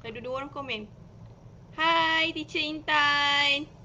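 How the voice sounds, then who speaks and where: A Malaysian woman teacher talks viewers through reading with children in a high, bright voice. She is chatty and explains each step with lively emphasis. It is an informal live stream, not a polished lecture. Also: slow, slight background noise.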